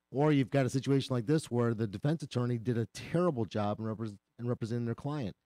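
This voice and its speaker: A male attorney guest on a radio talk show, slightly hoarse from a cold, explaining a legal case in an earnest way. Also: medium pitch, brisk, dark tone, no echo.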